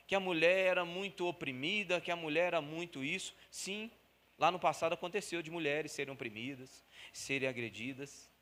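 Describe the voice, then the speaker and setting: A man preaching a sermon as pastor, animated, repeating phrases for emphasis and acting out everyday scenes. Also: high voice. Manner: animated, acts out everyday scenes in quoted voices.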